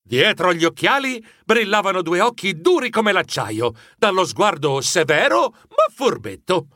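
A man narrating a children's story in an expressive, dramatic first-person style. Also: sits high, a little slow, no echo, clean studio sound. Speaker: audiobook narrator.

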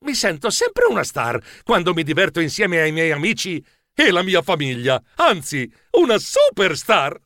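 A man reading a children's audiobook in first person, animated and expressive. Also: fairly high pitch, normal speed, dry recording. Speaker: audiobook narrator. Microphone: close studio mic.

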